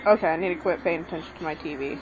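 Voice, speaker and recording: Speaking very fast in a low voice, a young woman of Mexican background gives a casual lesson while writing, rambling, hesitating and correcting herself along the way. She creates language tutorials from a home room with a TV on, and the lo-fi home recording carries background noise.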